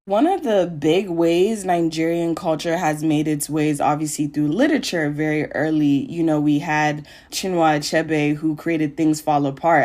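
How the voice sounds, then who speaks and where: A woman's voice: deep voice, a little mellow. A woman guest in an interview, explaining at length in a thoughtful, conversational way with frequent fillers. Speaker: podcast guest.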